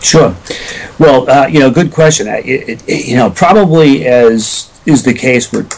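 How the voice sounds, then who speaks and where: Male guest, middle register, rambling conversational explainer with halting self-corrections. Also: medium pitch, poor audio. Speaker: interview guest.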